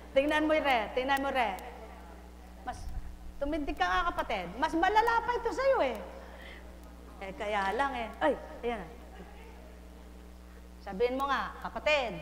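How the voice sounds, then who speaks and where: A high-pitched woman speaks slowly, coaxing and urging someone with short repeated phrases and frequent laughs. Her voice rings through an echoey hall with a long reverb, picked up from some distance. She is leading a live prayer session. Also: animated, a bit bright.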